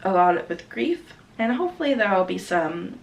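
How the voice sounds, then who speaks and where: A book vlogger getting over a cold chats enthusiastically about her recent book haul, often correcting herself. Her mid-range voice is very animated and creaky, at a normal speed. The slightly distant mic, with cut-off highs, picks up faint background noise.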